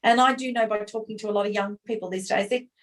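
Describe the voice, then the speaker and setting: A woman's voice: medium pitch, steady tone, fast, a bit bright, poor audio. A middle-aged woman, an interview guest telling her story candidly and acting out her own past dialogue.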